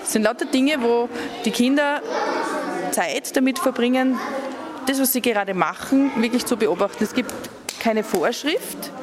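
A woman's voice: fairly high pitch, moderate pace, a crowd in the background. Teacher woman explaining an experiment workshop. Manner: explanatory, thoughtful. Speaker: primary school teacher.

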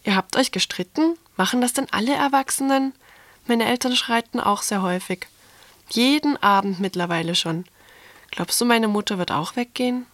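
A curious, sensitive young boy from a storybook, played by a woman. He asks earnest questions in a raised, boyish pitch. The sound is dry and close. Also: moderate pace, fairly bright tone, no echo, lightly acted. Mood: worried. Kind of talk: storybook reading.

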